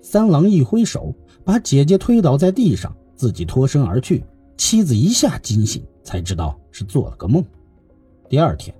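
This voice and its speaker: A male storyteller reads a classical tale with a very lively, swooping melody. His voice is dark and husky, recorded close and dry, and faint music plays beneath him. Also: on the high side, no echo. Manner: lively expressive reading. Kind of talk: scripted narration of a classical tale.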